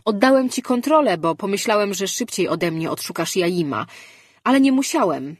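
A woman's voice: fairly low pitch, sing-song, moderate pace, slightly rough, dry recording, clean studio sound. A woman reading a glib, teasing male spirit who shares a man's mind, speaking in an offhand way. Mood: insistent.

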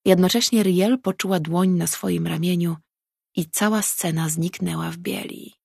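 A woman reading a novel aloud as an audiobook narrator, in calm, even storytelling. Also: on the low side, moderate pace, creaky, husky, no echo, studio quality. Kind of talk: scripted narration.

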